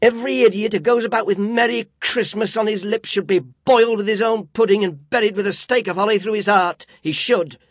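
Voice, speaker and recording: A man's voice: high voice, brisk, hardly any pauses, dry recording, studio quality, pitched above the performer's own voice. A man reading a storybook, voicing a bitter, miserly old man who snaps indignantly. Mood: scornful. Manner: snapping, indignant, loud outbursts. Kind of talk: audiobook reading.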